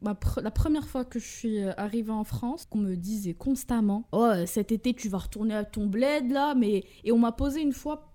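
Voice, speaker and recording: Excitable young woman guest. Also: a little high, moderate pace, hardly any pauses. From Morocco. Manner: excitable, playful reactions. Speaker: podcast guest. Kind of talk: casual chat.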